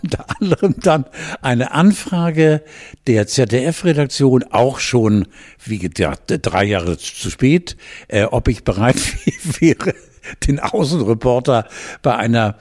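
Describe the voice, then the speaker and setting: A man's voice: mid-range voice, expressive, takes it slowly, darkish tone. A middle-aged man, co-hosting a casual podcast and telling rambling anecdotes with acted-out voices. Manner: rambling storyteller, acts out quoted voices. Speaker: podcast co-host. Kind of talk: casual chat.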